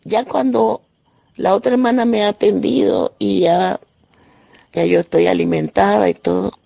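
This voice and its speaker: A Panamanian woman gives a halting religious testimony from her bed at home, with many restarts. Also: mid-range voice, steady tone, creaky, mellow, no echo. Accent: Panamanian Spanish. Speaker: church member giving testimony.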